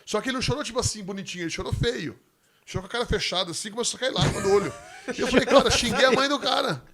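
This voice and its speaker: A Brazilian man with a Brazilian Portuguese accent telling a lively missionary testimony, laughing as he tells it and acting out the people in the story. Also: high-pitched, very fast, over a noisy crowd. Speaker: missionary guest speaker.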